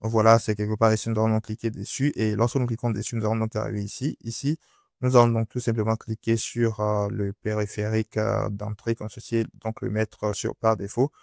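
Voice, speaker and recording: Male tutorial presenter, lowish and flat in pitch, halting unscripted explanations, close dry voice-over. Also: vocal fry, no echo. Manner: hesitant, repetitive step-by-step explaining. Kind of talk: unscripted screen-recording software tutorial.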